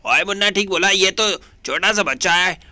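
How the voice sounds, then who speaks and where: A man voicing a loud, bossy cartoon cat who starts his lines with exclamations, in a fan-dubbed game video. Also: high voice, moderate pace, dry recording. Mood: excited.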